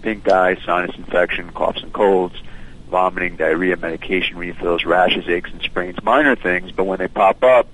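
A man with a very low voice comes through a landline phone, talking as a guest on a radio interview. He explains his company's service in a businesslike, fluent way and fills pauses with uh and um. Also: steady tone, a bit bright, low-quality recording. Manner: fluent, businesslike, many uh and um fillers. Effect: heard over a landline phone. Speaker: company founder and CEO, guest.

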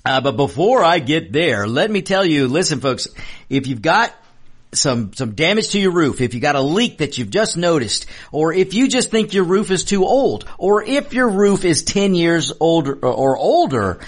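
A male talk radio host speaks off the cuff with emphasis, repeating phrases to drive them home. His pitch swings widely as he goes. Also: sing-song, normal speed. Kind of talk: impassioned unscripted monologue.

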